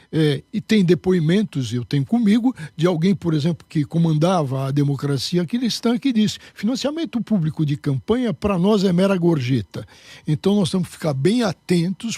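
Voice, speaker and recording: A man's voice: high voice, warm tone, breathy edge, no echo. A man answering as a guest in a political interview, emphatic and lecturing.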